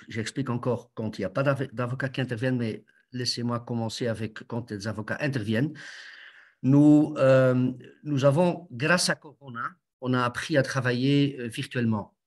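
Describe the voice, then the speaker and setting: Halting man explaining. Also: mid-range voice. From Belgium. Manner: halting, many fillers and restarts, explains step by step. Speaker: guest lawyer and mediator. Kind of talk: explanatory interview answers.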